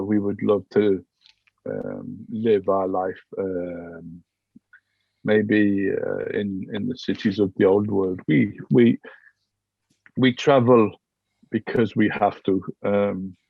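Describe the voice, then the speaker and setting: A disillusioned, hesitant soldier, acted by a man in a tabletop role-play. He speaks slowly and gropes for words. The voice is heavily creaky and raspy, in dull dry audio. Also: on the low side, dry recording, full character voice. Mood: weary. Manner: halting, groping for words. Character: weary, hesitant, disillusioned male Bretonnian soldier. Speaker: game master.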